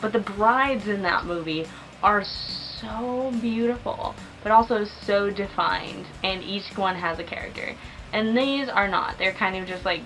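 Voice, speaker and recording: A woman's voice: lowish voice, fairly bright tone, rough recording. A young woman chatting casually and enthusiastically as she reviews a movie, peppering her talk with fillers.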